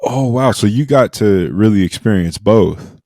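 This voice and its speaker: A man's voice: fairly low pitch, expressive, unhurried, mellow, no echo, studio quality. A man hosting a podcast interview in a casual, slangy and enthusiastic way.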